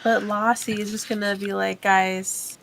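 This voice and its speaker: A woman's voice: mid-range voice, flat delivery, measured pace, gravelly, a bit bright, slight background noise. A woman chatting casually as a player in a tabletop game.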